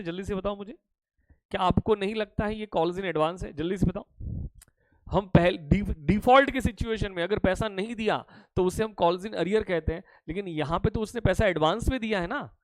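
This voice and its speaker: Man from India, commerce teacher, fairly high voice, dry recording, repeats questions, urges fast answers. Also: no room sound, rough recording. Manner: mixes Hindi with English accounting terms. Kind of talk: live online accounting lecture.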